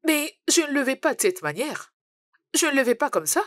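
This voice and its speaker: An actress dubbing a brazen, self-assured young mistress in a drama, speaking flippantly. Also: female voice, high voice, big pitch swings, moderate pace, no echo, clean studio sound. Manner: flippant, bold. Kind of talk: dubbed drama dialogue.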